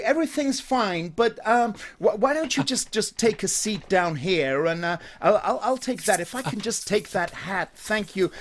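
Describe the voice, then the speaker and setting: An actor playing a harried film director who calls the shots briskly and soothes his cast in a comedy radio sketch. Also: high voice, fairly bright tone, a little hiss or hum. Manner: brisk, placating. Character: harried film director man, trying to stay calm.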